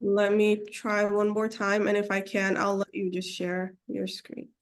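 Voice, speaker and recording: With a completely flat, unhurried delivery at medium pitch, a woman presents a community webinar online via video call. She comes from Seattle, speaks Somali as her first language and is getting over a cold. She stumbles hesitantly, using many ums and restarting phrases.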